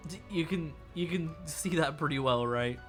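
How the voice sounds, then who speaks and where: A young man paints miniatures on a live stream, rambling and chatty, often restarting sentences in a voice worn out from a week of talking. He sounds tired, his pitch sits on the high side and a bit bright, and he talks at a normal speed. Soft music plays behind this casual stream chat.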